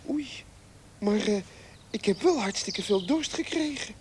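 A woman's voice: a little high, expressive, slow, noisy background. A woman voicing a cheerful, bumbling puppet character who stammers and chuckles. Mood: proud.

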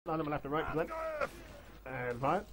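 A man leading his squad in a game over voice chat, issuing quick commands and swearing. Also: a little high, a loud crowd. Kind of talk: barking orders over voice chat.

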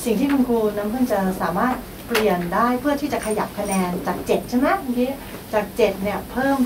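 A woman's voice: on the high side, fast, distant mic, background noise. A woman coaching a teacher through a goal, guiding her with prompting questions. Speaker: workshop coach. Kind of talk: coaching dialogue.

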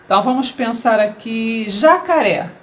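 A woman with a Brazilian Portuguese accent teaching a children's grammar lesson, explaining slowly and asking rhetorical questions. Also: on the high side, animated.

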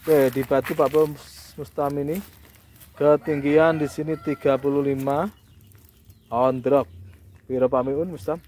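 A man's voice: on the high side, flat delivery, unhurried, pauses often, darkish tone. A man with a Javanese accent hosting a casual sales showcase in enthusiastic, exclamatory patter. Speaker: host presenting bonsai trees for sale. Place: outdoor yard of a village nursery. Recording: outdoor noise with roosters and birds. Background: roosters crowing, birds.

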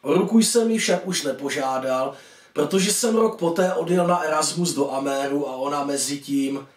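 A man reading his own short story aloud, expressive and voicing each caller in turn. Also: a little high. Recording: echoey room, distant mic.

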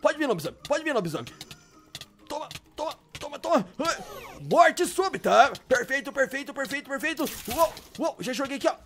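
A young man doing excited Minecraft role-play commentary, exclaiming and repeating words as he plays. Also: very high-pitched. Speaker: gaming YouTuber.

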